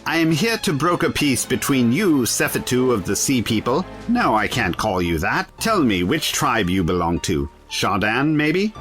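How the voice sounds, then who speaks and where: The Doctor, swooping, cheeky adventurer. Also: male voice, medium pitch, big pitch swings, moderate pace, few pauses, fairly bright tone, soft background music. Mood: cheeky, defiant. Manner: flippant, teasing, theatrical. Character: bold, cheeky, eccentric adventurer, a time traveller. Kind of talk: audio drama acting.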